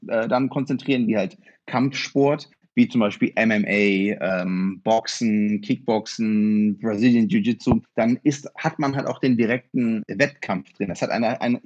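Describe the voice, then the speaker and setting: A man in his thirties speaks as a podcast guest, explaining his subject in a measured way and often pausing to find the right word. His voice is a little husky. The sound is dull and slightly muffled. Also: lowish voice, a little mellow. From northern Germany. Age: 30s. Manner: explanatory, with frequent fillers and restarts. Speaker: martial arts expert guest. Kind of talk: podcast interview.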